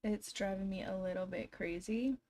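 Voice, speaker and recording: Recovering from illness, a young woman game streamer has a hoarse voice, slightly scratchy and froggy, at medium pitch with a darkish tone and a moderate pace. She's streaming from home, chatting casually, giggling frequently, and addressing her chat. The recording comes through a desk mic.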